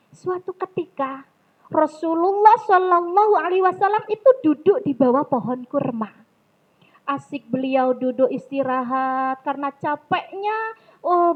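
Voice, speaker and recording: A woman leading a public speaking training in a mosque hall, coaxing her audience and telling stories in a lively way. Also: very high-pitched, measured pace. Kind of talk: interactive training talk with storytelling. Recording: dull lo-fi recording.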